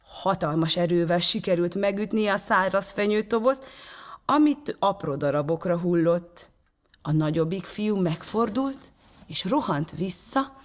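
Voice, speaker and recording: A woman storyteller from a theatre reading a children's story in a calm, measured way, from a prompter's box. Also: on the low side.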